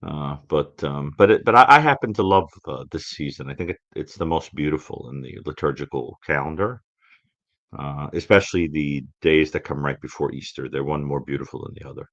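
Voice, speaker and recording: Speaking as a guest expert in a live-stream conversation, a man muses reflectively and emphatically, stopping and repeating phrases. He has an extremely low voice with a fairly bright tone. The recording is dry, and its highs are cut off.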